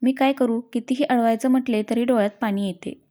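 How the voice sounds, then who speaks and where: A woman storyteller voicing a young wife who sulks and weeps, in a quiet, hurt tone. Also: on the high side, steady tone, brisk, natural voice. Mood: tearful. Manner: sulky, weepy delivery.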